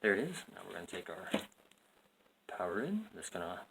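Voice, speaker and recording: A man's voice: low-pitched, very animated, rapid-fire, vocal fry. A man casually explaining a DIY wiring fix, rambling and joking at himself, in a noisy home recording. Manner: rambling, self-mocking, jokey. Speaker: DIY video maker.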